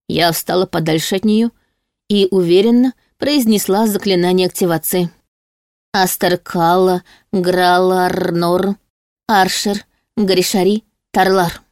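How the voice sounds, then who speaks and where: A woman reading a first-person fantasy audiobook aloud in a lively, expressive way. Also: medium pitch, no echo, studio quality. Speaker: audiobook narrator.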